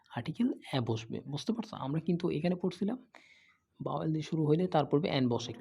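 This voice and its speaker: A man's voice: on the high side, warm tone, highs cut off. A man teaching English grammar who explains patiently, asks questions and answers them himself, and often checks "okay?". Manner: patient, repeats examples, frequent "okay?" checks. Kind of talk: explaining lesson, asking and answering own questions.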